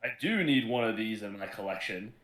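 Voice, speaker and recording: A man voicing a proud, condescending male diviner in a tabletop game, speaking slowly and loftily. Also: fairly low pitch, animated, fairly bright tone, roomy sound. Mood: haughty. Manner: lofty, self-important, slow delivery.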